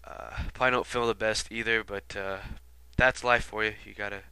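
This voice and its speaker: A lowish, steady voice at normal speed, bright and forceful yet clear and resonant, carries a casual album retrospective from a video commentator. He has a stuffy nose from being sick and rambles with lots of fillers and asides. There's no room sound.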